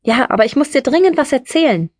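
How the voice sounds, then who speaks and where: A woman's voice: high voice, animated, fast talker, no echo, voice pushed up. A woman voicing a curious young woman who is short on money and asks many questions. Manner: inquisitive, surprised questions.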